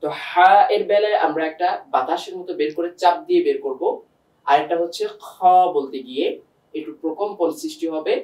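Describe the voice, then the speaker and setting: A man gives a pronunciation lesson, stretching each sound and saying it again and again. His voice sits a bit high for a man. He is recorded from some distance in a room with a noticeable echo. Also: brisk, darkish tone. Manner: patient, repeats and drags out sounds to demonstrate. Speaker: teacher. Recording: echoey room, voice set back from the mic.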